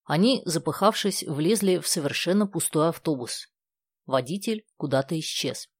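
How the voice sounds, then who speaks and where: Low-voiced woman narrating a story. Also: moderate pace, slightly rough, dry recording. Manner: calm, even storytelling. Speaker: audiobook reader. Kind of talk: scripted narration.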